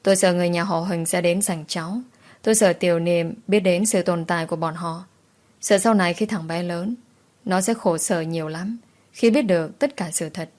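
Female audiobook narrator, low-pitched voice, dramatic first-person romance reading. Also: moderate pace, darkish tone. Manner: dramatic, emotional storytelling.

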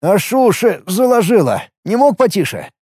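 A man's voice: on the high side, sing-song, normal speed, mellow, dry recording, studio quality. A man voicing a grumbling, wry man. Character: wry grumbling male violinist.

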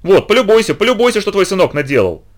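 A man reading a story aloud, voicing a shrill, angry neighbor woman. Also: very animated, fast talker, fairly bright tone. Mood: shrill indignant.

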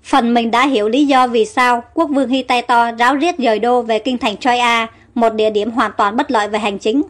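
A woman narrating a storybook in a steady, explanatory way. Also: a little high, normal speed, faint music behind.

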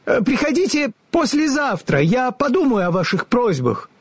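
A storybook wizard, as a male narrator puts him on, speaking in a raised, shaky voice that swings between pomp and panic. The tone is breathy and close, with no room around it. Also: very animated, moderate pace, no room sound, full character voice. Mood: frightened. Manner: solemn booming, then fussy and pleading. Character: grand mysterious male wizard, later a frightened little old man.

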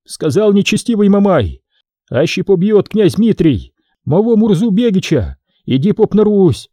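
Male reader doing a whiny, sobbing priest, pitched way up, mellow dark tone. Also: dry recording, studio quality. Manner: whining, sobbing, high-pitched pleading. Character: wailing cowardly captive male priest, a poisoner. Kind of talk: audiobook character voice.

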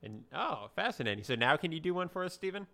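A man with a bright, crisp voice hosting a casual podcast. He steers the talk and teases his co-hosts. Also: fairly high pitch, very animated, fast talker. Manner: teasing, leading the conversation. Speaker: podcast host.

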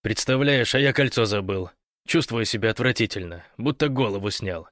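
A man doing a wry, gentle young man. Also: fairly low pitch, moderate pace, dry recording, studio quality, close to an everyday voice. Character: young man, wry, tender with his wife.

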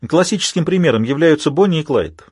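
A raised, animated voice of a lecturing male psychologist, as a man reads him. He explains in long, eager runs, slightly husky and close to the mic in a dry room. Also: on the high side, quick pace, no room sound, voice pushed up.

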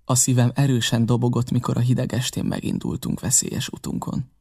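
Gravelly male audiobook narrator. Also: medium pitch. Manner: measured, steady storytelling. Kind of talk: scripted first-person narration.

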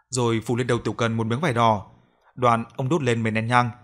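A man narrates a ghost story in a steady, scripted way. His voice is mid-pitched and even, with a plain audiobook delivery.

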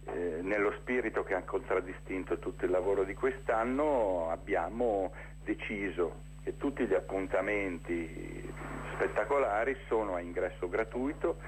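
A theatre director presenting a festival explains things in a radio interview, his low-pitched voice expressive. He speaks spontaneously and informatively, pausing mid-phrase and repeating words for emphasis. The audio is poor, with faint noise on the line.

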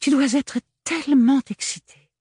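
A man's voice: extremely high pitch, fairly even intonation, measured pace, warm tone, dry recording, clean studio sound, voice pushed up. A man voicing an effusive, coquettish young woman, the theatrical elder sister, in an audiobook. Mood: gushing, bossy. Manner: theatrical, gushing and bossy.

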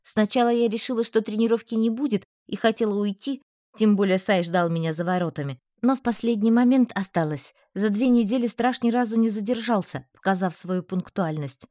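A woman narrating a first-person novel in an even, measured reading. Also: mid-range voice, dry recording, clean studio sound. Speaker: audiobook narrator.

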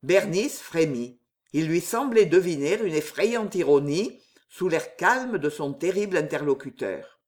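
Slow, measured male audiobook narrator. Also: a little high, lively intonation. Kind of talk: scripted narration.

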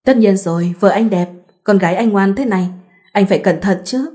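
A woman voicing an easygoing young husband who speaks calmly and reasons patiently in a read-aloud story. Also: high voice, brisk, lightly acted. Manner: calm, reasoning.

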